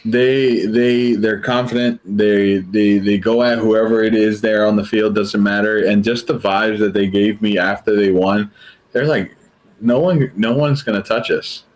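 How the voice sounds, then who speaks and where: A man's voice: fairly low pitch, level tone, a little slow, darkish tone, poor audio. A man co-hosting a sports podcast, often repeating words as he starts his thoughts. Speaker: podcast co-host. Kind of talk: casual sports chat.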